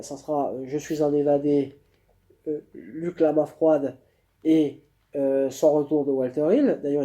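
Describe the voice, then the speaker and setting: A man's voice: fairly high pitch, dark tone. A man giving a spontaneous face-to-camera book review, hesitating often with fillers and restarts. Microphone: camera mic.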